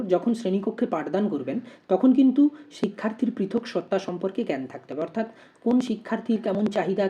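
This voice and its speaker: A woman's voice: mid-range voice, mellow. A woman teacher going through exam practice questions step by step, often asking herself "why?" before she explains. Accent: Bengali. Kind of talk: exam-prep lesson.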